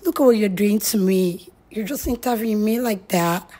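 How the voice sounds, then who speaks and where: A woman's voice: medium pitch, moderate pace, dark tone. Woman, 20s, from Nigeria, shy and giggly interviewee affecting an American accent. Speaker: street interviewee. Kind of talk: casual street interview.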